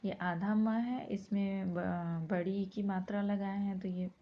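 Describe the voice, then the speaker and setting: A woman's voice: mid-range voice, steady tone, slow. A woman teaching a Hindi grammar lesson to young pupils, repeating each definition and sounding out example words. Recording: dull lo-fi sound.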